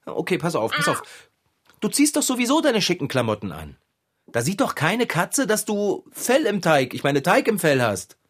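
A good-natured, patient pet owner, played by an actor in a children's audio drama. The voice is husky and breathy, with a lively, bouncing pitch and a gently teasing, easygoing manner. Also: normal speed. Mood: coaxing. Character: patient, good-natured cat owner who runs a shop.

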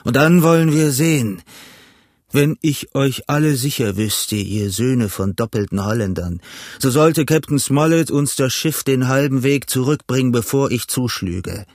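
A man voicing a cunning older pirate cook who talks in a gruff, blustering, lecturing way, in an audiobook reading. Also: mid-range voice, animated, unhurried, a little mellow, no echo, clean studio sound.

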